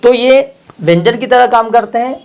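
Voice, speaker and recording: A man with a very high voice, speaking at normal speed, teaches a language lesson and patiently repeats every phrase and word. He addresses listeners directly, posing questions that he then answers himself.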